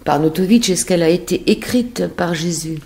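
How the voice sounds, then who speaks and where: A woman's voice: on the low side, moderate pace, dark tone, reverberant, slight background noise. A woman hosting a radio interview, asking questions in a conversational, slightly hesitant way. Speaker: radio host.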